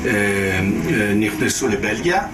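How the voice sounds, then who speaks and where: A man in his eighties from Belgium giving a filmed personal testimony, halting with frequent pauses and fillers. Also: fairly low pitch, lively intonation, low-quality recording. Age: 80s. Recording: music playing behind.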